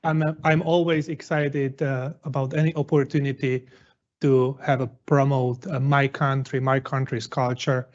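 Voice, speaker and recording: A man in his thirties from the Czech Republic with a Czech accent, presenting as a guest chef in halting non-native English with frequent fillers. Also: medium pitch, level tone, lo-fi sound. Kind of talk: presentation talk.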